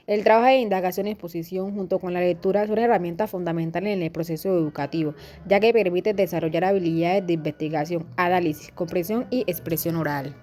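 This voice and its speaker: Low-voiced woman reading class notes. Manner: steady instructional reading. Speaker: student presenter.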